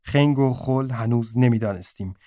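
A man reading a short story aloud in a subdued, low-key way. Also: mellow, no echo, clean studio sound. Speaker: narrator.

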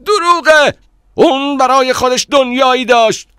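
A man's voice: low voice, expressive, creaky, no room sound, clean studio sound, heavily acted. A man voicing a relentless accusing stranger. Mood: furious. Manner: accusing, rising to furious shouts. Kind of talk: dramatic audiobook reading.

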